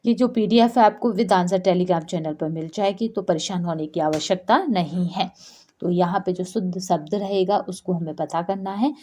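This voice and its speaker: Mellow-voiced woman teaching exam spelling. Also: fairly low pitch, moderate pace. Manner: explains step by step, keeps asking and answering her own questions. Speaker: Hindi teacher. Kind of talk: exam-prep lesson.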